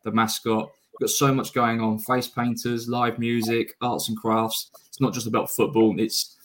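A man's voice: mid-range voice, flat delivery, moderate pace. A man appearing as a guest to explain a charity event in an earnest, enthusiastic way. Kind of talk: casual interview.

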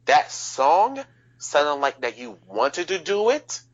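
A man in a casual reaction chat, speaking calmly and explaining his points step by step. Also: fairly high pitch. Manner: calm, measured, explains things step by step. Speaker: music reaction co-host. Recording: dull lo-fi sound.

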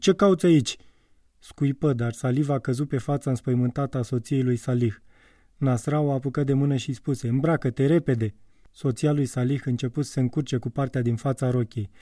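Man, audiobook narrator, very dark mellow voice, dry slightly distant sound. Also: mid-range voice, dry recording. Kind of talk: literary audiobook reading.

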